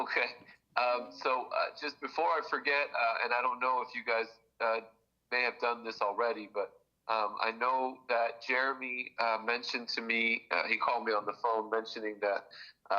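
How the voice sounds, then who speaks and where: A man speaks through a speakerphone, his lowish voice flat in pitch yet bright and forceful in tone. The phone line is muffled and lo-fi. He hesitates often, filling gaps with "uh" as he reports to a board. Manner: hesitant, full of "uh" and restarts. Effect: heard through a phone on speakerphone. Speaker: advisor giving a report to a city board. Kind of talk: reporting at a public meeting by phone. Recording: muffled phone call over a room speaker.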